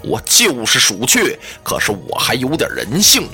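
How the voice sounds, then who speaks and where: Proud, disdainful scholar, low and deliberate, a man doing the voice. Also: huge pitch swings, gravelly, sharp tone, soft background music, exaggerated voice. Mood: scornful. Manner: slow, drawn-out, lofty.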